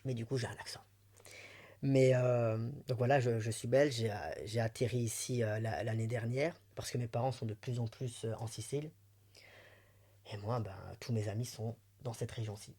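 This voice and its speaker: A Belgian man with a mild Belgian French accent, mid-pitched, sharing his personal story in an interview. He talks sincerely and emotionally and laughs easily, rambling warmly from one thought to the next. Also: little pitch movement, moderate pace. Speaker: interview guest.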